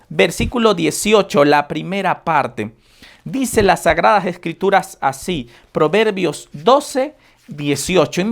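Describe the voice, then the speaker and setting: Woman preacher, unhurried sermon delivery, storytelling with rhetorical questions. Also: fairly low pitch. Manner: addresses listeners as brothers and sisters with rhetorical questions; retells the Bible story in a slow, deliberate storytelling way.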